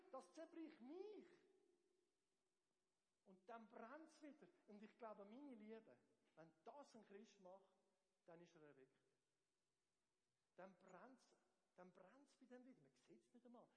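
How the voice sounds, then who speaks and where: Guy preaching hard, loud then quiet, big echoey church hall sound. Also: very high voice, slight background noise. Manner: emphatic, swings from loud exhortation to hushed storytelling. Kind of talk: lively sermon storytelling.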